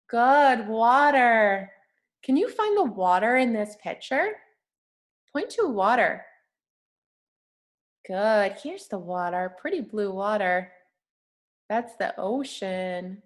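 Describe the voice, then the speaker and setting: Reading to young children like a teacher, a woman uses simple, patient, encouraging words and stops to ask them questions and praise them. Her voice is a little high and expressive, and she takes it slowly with frequent pauses.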